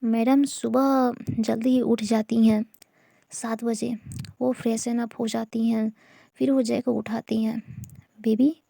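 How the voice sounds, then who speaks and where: Slow gravelly woman storyteller. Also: on the high side, level tone, warm tone, no room sound, studio quality. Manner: slow, conversational storytelling with asides. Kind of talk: narrated audio love story.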